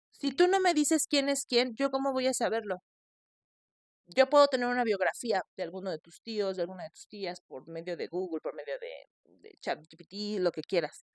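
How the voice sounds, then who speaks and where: Female podcast host, expressive storyteller, dry booth sound. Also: fairly high pitch, no room sound. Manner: animated retelling with quoted voices.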